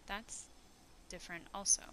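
A woman's voice: normal speed, bright, forceful tone, a little hiss or hum. A woman hosting a casual let's play, thinking aloud as she commentates. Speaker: host of a gaming channel.

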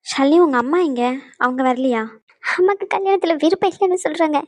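A woman's voice: high voice, fairly quick, darkish tone, no room sound, clean studio sound. A woman voicing a hurt young bride who speaks in a subdued, sorrowful way in a cartoon. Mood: sad. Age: young adult. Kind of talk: cartoon voice acting.

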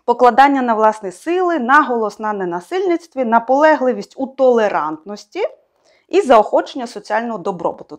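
A young woman with a fairly high voice gives a casual spoken review of a book. She thinks aloud as she goes and often stops on fillers and corrects herself. Her tone stays plain and conversational.

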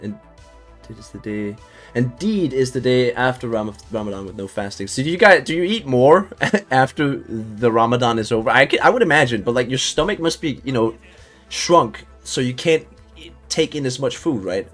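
A man's voice: medium pitch, animated, normal speed, fairly bright tone, faint music behind. Laid-back man streaming a game. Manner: loose and chatty, swears, laughs often, many restarts. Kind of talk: casual live-stream game commentary.

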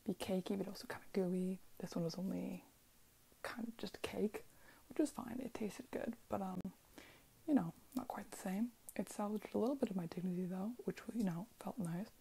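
A woman giving a soft, hesitant whispered update on her cooking. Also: mid-range voice, vocal fry, breathy edge, rough recording. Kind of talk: whispered late-night vlog update.

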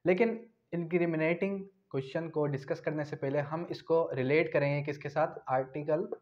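Speaking at normal speed with fairly even intonation, a higher-pitched Pakistani law lecturer in his twenties gives an explanatory whiteboard lesson, his voice a little mellow. He poses and answers his own questions, repeats key points and moves into English legal terms, in a small indoor room recorded with dull, lo-fi sound.

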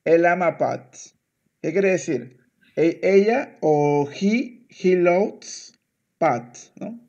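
Male tutor, slow and patient, repeats words, mixes in English; slightly high voice, muffled lo-fi sound. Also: animated, darkish tone. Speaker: Spanish teacher. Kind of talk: one-on-one language lesson.

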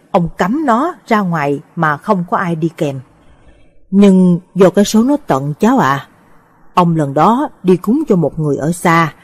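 A woman narrating a Buddhist audio story in a solemn, measured way. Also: on the low side, darkish tone, slightly rough.

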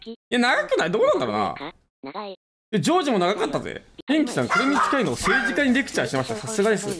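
A man's voice: extremely high pitch, huge pitch swings, very fast, heavy background noise. A man live-streaming, rambling and joking in casual chat with his viewers. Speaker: game streamer. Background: background music.

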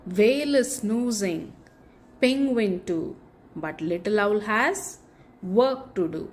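A woman with a mid-range voice reads a children's picture book aloud as a bedtime story, expressive and deliberate, drawing out her phrases. There is a little hiss or hum in the recording.

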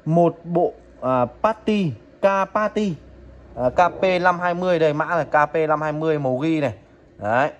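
A man demonstrating audio equipment in a chatty sales pitch, often checking in with viewers. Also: normal speed, lo-fi sound, a little hiss or hum. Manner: chatty, addresses viewers as "các bác", frequent "được chưa?". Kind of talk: product demo sales pitch.

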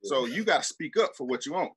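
A former football player from Birmingham, Alabama, speaking with a Southern accent, appears as a guest on a sports talk show. His voice is a little high and husky, and he talks fast. His stories are animated, loose, and profane, packed with "like."

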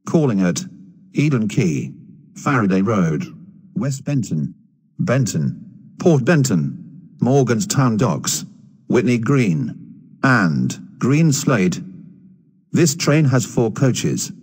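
A man's voice: mid-range voice, big pitch swings, a little mellow, breathy edge, heavily acted. A man voicing a formal station platform announcer, his recorded words spliced together one by one. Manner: measured, formal announcement delivery.

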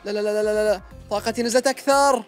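Excitable gamer man. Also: high-pitched, rapid-fire, soft background music. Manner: excitable, shouting reactions. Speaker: gaming youtuber. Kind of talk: excited let's-play commentary.

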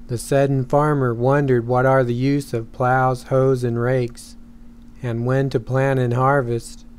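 A man giving a measured, evenly paced scripted narration for a history course. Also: mid-range voice, clear, resonant tone. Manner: measured, even reading.

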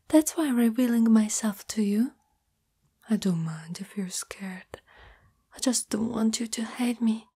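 A woman from Italy takes on the role of a bashful, lovestruck young spider monster girlfriend for an ASMR roleplay. The delivery is a hesitant, tender, intimate breathy whisper, fairly high and warm, with an exaggerated voice.

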